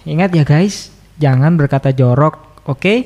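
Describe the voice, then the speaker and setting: Speaking at a measured pace in a medium-pitched, slightly mellow voice, this voice actor portrays the composed leader of a hiking party. It's an animated horror tale, and he calmly instructs and comforts the group.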